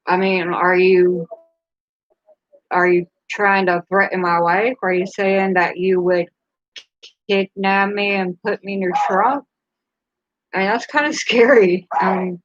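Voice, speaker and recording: A woman's voice: mid-range voice, a bit bright, no echo, lo-fi sound. A woman hosting a casual live stream, speaking candidly and rambling a little, with a laugh between her thoughts. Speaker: livestream host.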